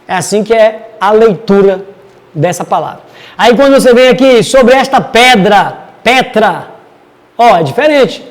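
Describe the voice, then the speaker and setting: A man's voice: high-pitched, animated, unhurried, long reverb tail. A man teaching a casual Bible study, chatty and digressive as he reads verses aloud.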